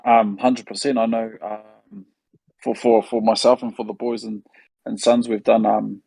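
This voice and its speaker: A man's voice: fairly low pitch, little pitch movement, unhurried, creaky, dark tone, slightly rough, dry recording, low-quality recording. A man with a New Zealand accent answering questions casually as a musician host, in a laid-back, matey, slangy way.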